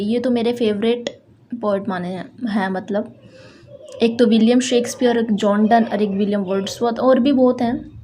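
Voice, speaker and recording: A woman teaching English literature, explaining a poem line by line in a chatty way and reading the quoted lines out slowly. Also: on the high side, mellow, slight background noise. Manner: chatty, repeats "thik hai" and "doston", reads English lines slowly.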